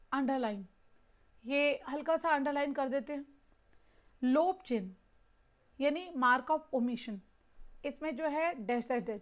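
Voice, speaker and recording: Woman teacher, high-pitched, unhurried lecture delivery, patient explainer. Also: a bit bright. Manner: explains patiently with everyday examples. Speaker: Hindi grammar teacher. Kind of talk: classroom lecture.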